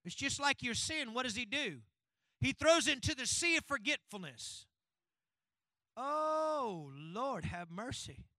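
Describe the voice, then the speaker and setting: Male pastor with a very high, piercing voice, preaching in a church. Call-and-response delivery that builds to fervent shouting, close and dry. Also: animated, normal speed, dry recording, poor audio. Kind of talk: sermon. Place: church sanctuary.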